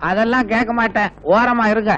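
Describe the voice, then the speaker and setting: A greedy scornful guru. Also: male voice, very high voice, fairly even intonation, brisk, fairly bright tone, lo-fi sound. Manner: scornful, mocking. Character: greedy money-minded male guru, scornful. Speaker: greedy guru leading pilgrims. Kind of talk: 1980s Tamil film dialogue.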